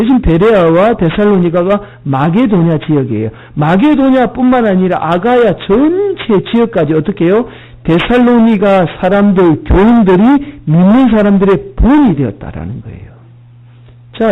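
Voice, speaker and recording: A man preaching a sermon as pastor, often asking his congregation questions and explaining the meanings of words. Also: high voice. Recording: tinny phone-like band.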